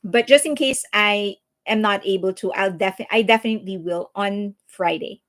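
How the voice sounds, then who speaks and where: Speaking at normal speed with a medium-pitched voice, a livestream host from the Philippines responds to comments from viewers. Her Filipino accent comes through as she talks casually and earnestly, often restarting and filling pauses.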